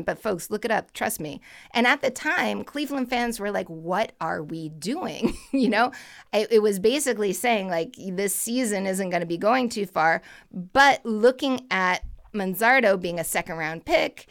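A woman's voice: medium pitch, expressive, moderate pace. A woman co-hosting a podcast, chatting casually about baseball in a rambling, laughing way. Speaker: podcast co-host.

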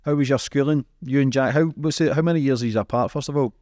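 A man's voice: mid-range voice, quick pace, a little mellow, no room sound, clean studio sound. A man hosting a casual interview, putting short, direct questions to a guest. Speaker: interview host.

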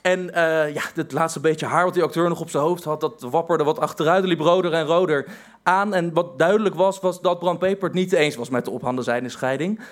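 A man's voice: a little high, brisk. A young man telling a personal story in a wry, self-mocking way, with hesitant fillers.

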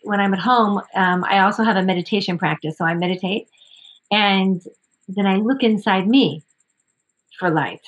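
A woman's voice: mid-range voice, normal speed. A woman, an opera singer and voice professor, chatting casually in an interview, upbeat and laughing often. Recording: dull lo-fi audio.

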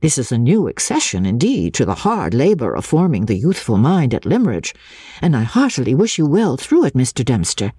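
A reader voicing a brisk, forthright, good-humoured gentlewoman in a storybook. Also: medium pitch, huge pitch swings, slightly rough, no room sound, clean studio sound. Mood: brisk polite. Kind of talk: audiobook character voice.

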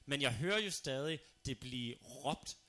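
A man's voice: mid-range voice, animated, a bit bright. A man hosting a casual talk show, playful and full of probing questions. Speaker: host.

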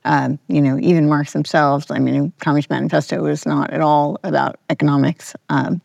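A woman's voice: deep voice, fairly even intonation, a little fast, creaky, a little mellow, no room sound. A woman hosting a casual conversational podcast interview, thinking aloud in a tentative way. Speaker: podcast host.

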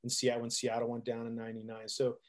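A man's voice: mid-range voice, monotone, fast, crowd noise. A middle-aged man, a musician, telling stories in a casual interview, rambling with restarts, laughing often and acting out quoted lines. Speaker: musician guest.

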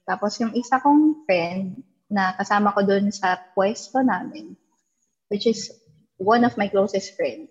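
Woman, husky voice, casual storyteller who acts out quoted lines; dull lo-fi recording. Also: medium pitch, a little slow, darkish tone. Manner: mixes English into Tagalog, acts out quoted dialogue. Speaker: guest telling a ghost story.

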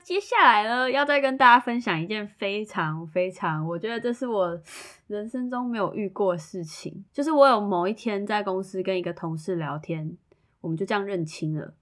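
A young woman from Taiwan, co-hosting a casual podcast chat and telling a story with lively, acted-out dialogue. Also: medium pitch, a little fast. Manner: animated storytelling, acting out both sides of conversations. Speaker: podcast co-host.

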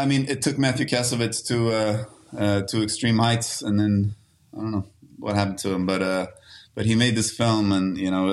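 A man from Sweden in his thirties, an actor talking casually as a guest, with many restarts and fillers. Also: on the low side. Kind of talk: casual interview talk.

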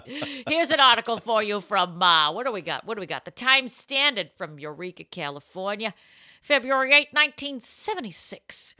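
A woman's voice: fairly high pitch, very animated, pushed and bright. Giggly woman co-hosting a comedy podcast. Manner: giggly, riffing, quick jokes. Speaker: podcast co-host. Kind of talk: casual comedic chat.

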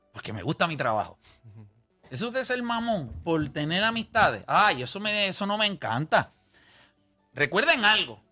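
Male sports host, high and bright, blunt and argumentative, faint music under him. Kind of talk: casual sports debate.

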